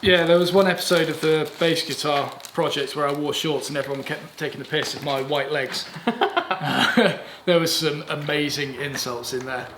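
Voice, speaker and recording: A man's voice: a little high, fairly even intonation, moderate pace. English man bantering in an echoey room. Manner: jokey, laughing banter. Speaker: host. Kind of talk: casual reaction chat. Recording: echoey room with background noise.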